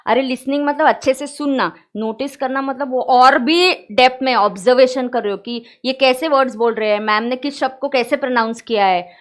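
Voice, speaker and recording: A woman teacher with an Indian English accent lectures a room of students, her voice sitting high. She slows right down to dictate notes, then speeds up to call out anyone not paying attention. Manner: dictating notes slowly, addressing students directly. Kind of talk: classroom lecture mixing Hindi and English. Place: classroom with students.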